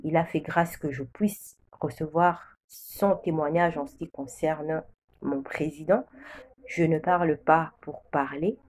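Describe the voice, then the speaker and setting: Solemn, repeated declarations fill this prophetic testimony from a Congolese woman preacher. Her voice is low and darkish, her intonation fairly even, and her delivery slow.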